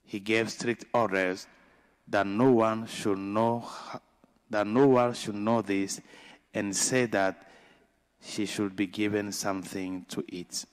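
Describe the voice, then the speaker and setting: Slow, low-voiced priest in a reverberant church. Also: male voice, steady tone. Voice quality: slow, deliberate delivery with pauses. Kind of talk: gospel reading and homily. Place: large church.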